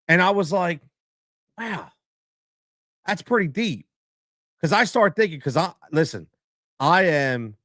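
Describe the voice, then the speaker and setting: A middle-aged man with a Philadelphia accent hosting a live stream, talking in an animated, repetitive way full of stammered restarts. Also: fairly high pitch, dry recording, studio quality. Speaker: show host.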